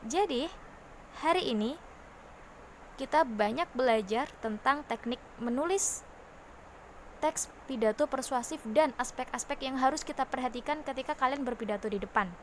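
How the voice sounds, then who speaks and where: A woman's voice: high-pitched, moderate pace, pauses often, slight background noise. A woman teacher giving a lesson to her students, explaining step by step and closing each point with a short tag phrase. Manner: explains step by step, ends points with "seperti itu".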